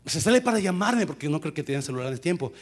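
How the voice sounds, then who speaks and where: A middle-aged man, a pastor, telling a story in a sermon with lively sound effects and English phrases mixed in. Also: fairly high pitch, rapid-fire.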